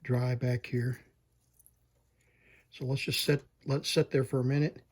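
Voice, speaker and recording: A technician narrates a repair as he does it, unhurried and plain, musing aloud along the way. His medium-pitched voice is flat in delivery with a darkish tone.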